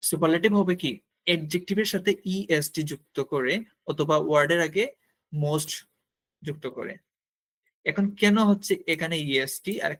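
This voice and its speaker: A man with a Bangladeshi Bengali accent teaching an online grammar lesson, explaining step by step, asking questions and answering them himself, pausing as he writes. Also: fairly high pitch, a bit bright. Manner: writes on a board while talking, with pauses and restarts.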